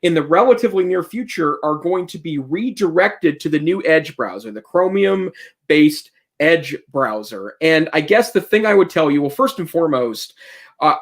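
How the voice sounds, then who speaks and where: A man co-hosting an education technology podcast, giving earnest, opinionated advice in casual talk with frequent restarts. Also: on the high side. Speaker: podcast co-host. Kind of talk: casual tech chat.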